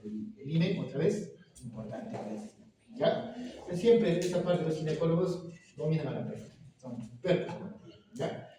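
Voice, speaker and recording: A man lectures a class in a fairly high voice and keeps checking that the students are following. He sounds far from the microphone, in a very echoey room with clear background noise. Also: expressive, normal speed, dark tone. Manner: questioning, checks understanding often. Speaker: medical lecturer.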